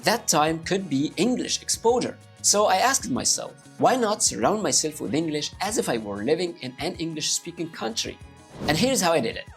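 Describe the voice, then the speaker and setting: Faint music sits behind a fairly high-pitched man speaking at a moderate pace. He is Egyptian, an Arabic native speaker with an Egyptian Arabic accent, and he animatedly gives viewers motivational English-learning tips while talking straight to camera.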